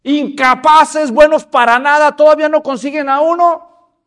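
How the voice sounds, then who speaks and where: A man's voice: very high-pitched, steady tone, normal speed, a bit bright, pitched above the performer's own voice. A man voicing a huge boastful male giant warrior who bellows contemptuous taunts. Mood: scornful shouting.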